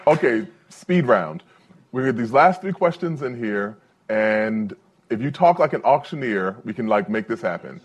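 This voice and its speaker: A man's voice: medium pitch, animated, moderate pace, a little hiss or hum. A man moderating a live discussion, loose and chatty with lots of fillers. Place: event room with a live audience.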